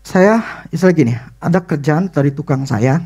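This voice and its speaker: A male pastor, preaching a sermon and telling a personal story in animated, excited bursts. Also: on the high side, normal speed, husky.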